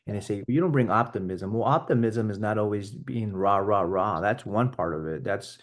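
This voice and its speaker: A podcast co-host with a lowish voice, speaking at normal speed, tells a story earnestly during a casual talk-show conversation. He restarts his sentences often.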